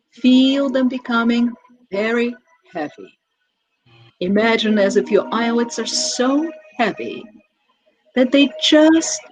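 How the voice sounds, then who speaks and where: A woman speaking as a hypnotist, guiding relaxation in a slow, soothing delivery with long pauses and drawn-out repeated words. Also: on the high side, rough recording. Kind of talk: guided hypnosis relaxation script. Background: music.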